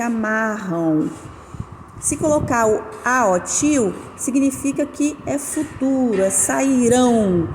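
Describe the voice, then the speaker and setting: Patient teacher. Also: female voice, a little high, a little mellow. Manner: patient, explanatory, stresses syllables slowly. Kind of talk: recorded class lesson. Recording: roomy with long reverb and faint noise.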